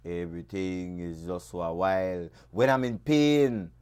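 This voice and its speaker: A man with a Belizean accent reciting dub poetry in a rhythmic, rhyming delivery with sharp swings in loudness. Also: sits low, steady tone, measured pace, clean tone. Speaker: dub poet.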